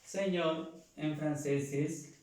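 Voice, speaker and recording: A man teaching a French lesson, repeating words slowly and clearly for learners to copy. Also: on the high side, steady tone, darkish tone. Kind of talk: slow language lesson with drilled pronunciation. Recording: echoey room, voice far from mic.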